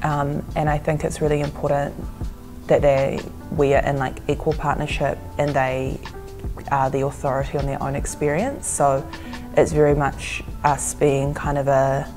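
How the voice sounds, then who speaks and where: A woman's voice: low voice, level tone, normal speed. A young woman from New Zealand, a documentary director, talking thoughtfully in a casual interview. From New Zealand, Fijian and Tongan heritage. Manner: reflective, thoughtful, frequent "like". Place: gallery, seated indoors. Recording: music bed underneath.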